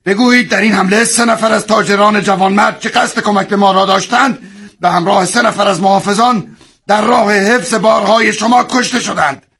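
A man's voice: sits high, steady tone, vocal fry, bright, forceful tone, husky, voice pushed up, full character voice. A man voicing a menacing male bandit chief who barks orders and threatens in a strained, raised voice. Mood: threatening.

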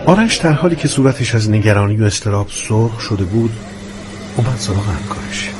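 A man narrating a story in a steady, storytelling manner. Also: lowish voice, crowd noise.

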